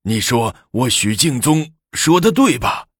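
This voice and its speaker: A man voicing a flattering elderly male court official who wheedles and grovels in a storytelling performance. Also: mid-range voice, measured pace, slightly rough, no room sound, studio quality, full character voice. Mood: pleading.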